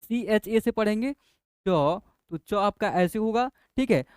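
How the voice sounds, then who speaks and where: A man's voice: sits high, lively intonation, slow, smooth, no echo, studio quality. A man teaching a spelling lesson to children, patiently repeating each point. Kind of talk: explaining a language lesson.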